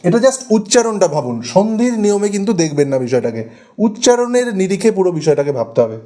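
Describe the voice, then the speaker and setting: This high-pitched, mellow male voice swings widely in pitch as he delivers an exam-oriented grammar lesson. He carries a West Bengal Bengali accent and speaks with slow deliberation, stretching and repeating sample words.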